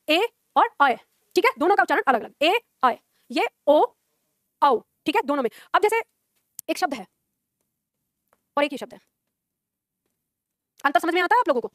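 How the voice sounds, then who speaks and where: A woman's voice: very high voice, no echo, clean studio sound. A young woman teaching a Hindi class, explaining pronunciation patiently, repeating points and drilling sounds aloud.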